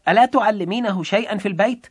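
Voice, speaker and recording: A man reading a sharp-tongued businessman. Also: high voice, very fast, breathy edge, dry recording, voice pushed up. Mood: irritated. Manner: sharp, irritated questioning. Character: short-tempered middle-aged male car dealer.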